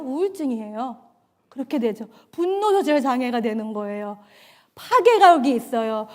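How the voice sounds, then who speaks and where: A woman's voice: high-pitched, a bit bright. A woman pastor from Korea preaching a bilingual sermon, impassioned and emphatic, with rhetorical questions.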